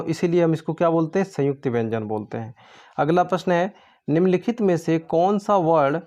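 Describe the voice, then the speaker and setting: A man's voice: a little high, darkish tone. A man tutoring for an exam, going through quiz answers step by step in a patient way. He asks his own questions and then answers them.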